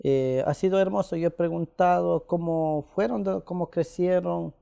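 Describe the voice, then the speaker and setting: This interviewee is an Ecuadorian man who speaks Quichua as his first language; his soft voice sits high and has vocal fry. In casual conversation he hesitates often, pausing and filling gaps with "eh."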